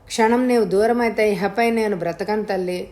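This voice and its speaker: Here is a tender, doting old father with silver hair, as a woman narrator puts him on. He speaks gently and with affection, pleading softly, in a storybook reading. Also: medium pitch, normal speed, close to an everyday voice.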